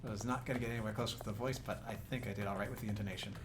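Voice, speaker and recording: A game streamer in casual, quiet and low-key livestream commentary, with faint game music behind. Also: fairly even intonation, very fast.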